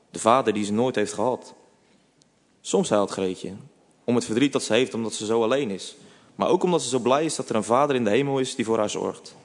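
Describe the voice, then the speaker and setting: A man narrating a children's storybook in a calm, gentle way. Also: medium pitch. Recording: long reverb.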